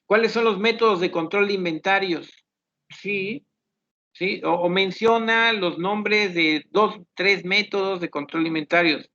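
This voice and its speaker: A man teaching an online class, thinking aloud as he reviews student questions in a measured, explanatory way. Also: sits high, sharp tone. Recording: dull lo-fi online class audio.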